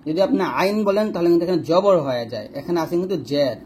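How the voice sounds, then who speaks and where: A man teaching Quran recitation step by step, spelling out each letter and vowel, then reciting the words slowly and drawn-out. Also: high-pitched, expressive, dark tone, a little hiss or hum. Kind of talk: slow step-by-step recitation lesson.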